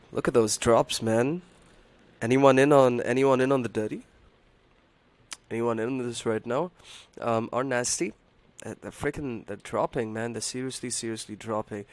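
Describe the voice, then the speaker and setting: A man hosting a trading livestream, talking casually and haltingly to his viewers in a hoarse voice that sounds unwell. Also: medium pitch. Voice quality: hoarse, strained voice. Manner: halting, repeats himself, addresses viewers as buddy and man. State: unwell, voice not as usual. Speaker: live trading stream host.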